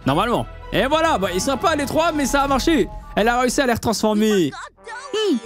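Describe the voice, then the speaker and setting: This is a young man with a French accent hosting a reaction video. His pitch jumps up and down all the time as he reacts. He talks in a slangy, exclamatory, casual way, and there is faint music in the background. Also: very animated, fairly quick, fairly bright tone.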